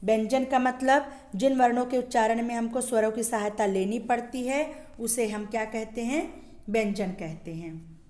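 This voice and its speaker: A woman's voice: a little high, moderate pace, darkish tone. A woman schoolteacher giving a Hindi grammar lesson, asking questions and answering them herself, drawing out example sounds. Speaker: school teacher.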